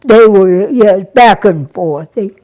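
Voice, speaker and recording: Very old lady, slow and soft, mellow lowish voice, lots of uhs. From Brazil. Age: over 100. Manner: halting, soft, pauses with many fillers. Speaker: interviewee, army nurse veteran. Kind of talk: interview reminiscence.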